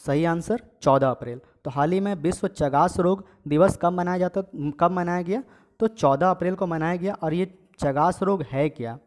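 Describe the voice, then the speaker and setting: A man with a fairly high-pitched voice runs a casual exam-prep quiz for his viewers. He reads each question and its options aloud, then gives the answer and repeats it. He keeps checking in with a quick "okay" between points. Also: darkish tone. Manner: addresses viewers as friends and guys. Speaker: exam coaching teacher.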